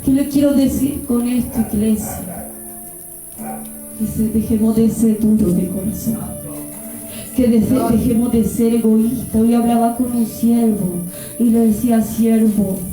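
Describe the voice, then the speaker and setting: A woman with an Argentine accent preaching an impassioned sermon, building into shouted pleas. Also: a little high, steady tone, unhurried. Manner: fervent, rising to shouted pleas. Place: church. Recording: very echoey church hall, mic far off, music behind.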